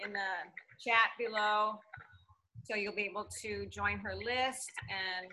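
Very bright, effusive woman interview host. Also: mid-range voice, slight background noise, rough recording. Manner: effusive, gushing. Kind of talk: casual conversational interviewing.

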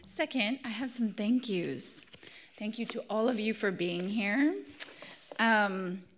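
In an arts center event hall, a woman in her thirties with a scratchy voice gives a spoken introduction and then reads her own essay live. She speaks slowly at medium pitch, earnestly, with fillers and restarts.

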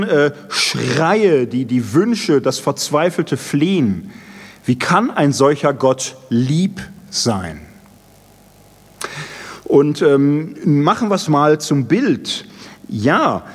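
A man preaching, pausing often and using many fillers. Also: on the high side, husky. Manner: conversational, with many fillers and pauses. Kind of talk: sermon. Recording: long hall reverb.

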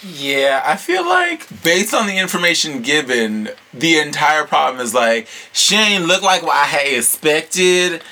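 A man's voice: on the high side, animated, measured pace, few pauses, sharp tone. A man co-hosting a casual podcast, joking and rambling with many fillers as he gives advice. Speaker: podcast co-host. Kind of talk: casual chat.

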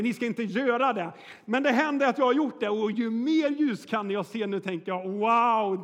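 A man's voice: sits high, long reverb tail. A man preaching a sermon in a church, telling stories in a chatty way with frequent fillers and check-ins with the congregation. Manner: chatty storytelling with frequent "eh" and "är ni med?". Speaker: pastor. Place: church hall.

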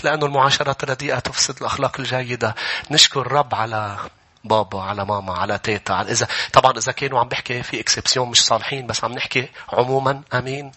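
A male pastor, preaching an impassioned sermon that often rises to shouts. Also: mid-range voice, flat delivery, very fast, husky.

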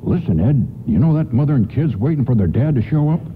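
An actor playing a jolly, folksy older department store Santa Claus in a theatrical radio play style. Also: male voice, medium pitch, sing-song, quick pace, a little hiss or hum, lightly acted. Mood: weary, wry. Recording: muffled vintage-style radio broadcast with music.

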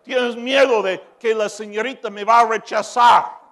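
A man preaching a sermon as pastor, moving from shouted peaks to joking asides. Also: high voice, steady tone, measured pace.

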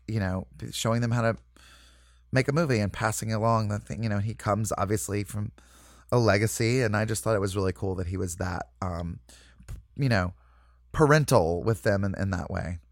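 A man's voice: fairly low pitch, moderate pace, no echo, studio quality. A man being interviewed as a comedic actor, talking in a loose, rambling way full of asides and fillers. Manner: rambling, full of "you know" and "like", lively asides. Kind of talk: casual interview chat.

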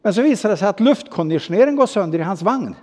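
A man's voice: high-pitched, expressive, a little mellow. Swedish-speaking man preaching in a reverberant hall. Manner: personal anecdote told with hesitations and quoted dialogue. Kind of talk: sermon storytelling.

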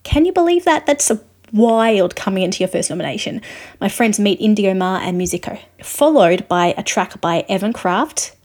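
A woman's voice: medium pitch, expressive, normal speed, darkish tone. A woman presenting a show, introducing interview segments in a chatty, enthusiastic way. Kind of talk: linking narration.

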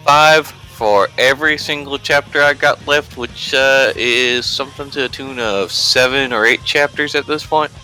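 A man's voice: medium pitch, a little slow, hardly any pauses, bright, forceful tone, soft background music, poor audio. A man chatting casually on a podcast as a co-host, explaining things in a wordy way.

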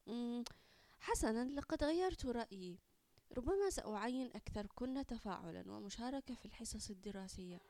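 A woman's voice: a little high, animated, a little fast, dark tone. A woman voicing a curt, biased science teacher. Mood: cold. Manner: curt, dismissive.

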